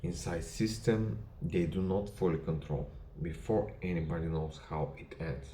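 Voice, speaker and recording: A low-voiced man with a Bulgarian accent, a non-native English speaker, addresses the camera about his history channel. He talks in measured, deliberate short phrases with small grammar slips, his mellow voice carrying a roomy echo. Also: slight background noise.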